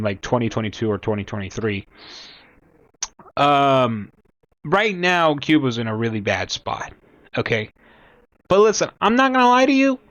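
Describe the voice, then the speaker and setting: A young man born in Cuba talks in a slow, unhurried way, rambling and halting as he goes. His voice sits at an ordinary middle pitch. He sometimes slips into reading aloud from an article. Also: a bit bright. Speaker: commentator. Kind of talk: casual talk to camera.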